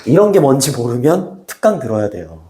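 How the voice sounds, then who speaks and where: A man's voice: medium pitch, very animated, a little fast, noisy background. A man teaching an English class, talking casually and often asking the students short questions. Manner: casual, chatty, asks students rhetorical questions. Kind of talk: classroom lecture.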